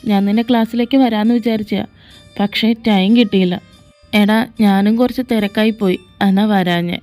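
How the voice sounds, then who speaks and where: A woman's voice: mid-range voice, steady tone, fairly quick, darkish tone. A woman voicing all the characters in a fan fiction audio drama, moving between arguing, teasing and pleading voices. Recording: faint background music.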